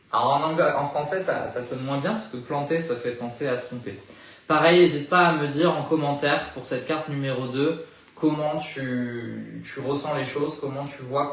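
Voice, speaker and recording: A man giving a live oracle card reading, speaking gently and encouragingly to the listener and often pausing to search for words. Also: a little high, roomy sound. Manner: thinks aloud with frequent hesitations. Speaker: spiritual card reader.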